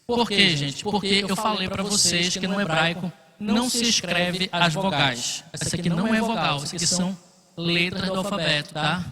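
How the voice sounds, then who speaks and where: A man's voice: sits high, moderate pace, long reverb tail, a crowd in the background. A man teaching a Bible study class, explaining patiently and checking in often with his listeners. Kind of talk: classroom lecture.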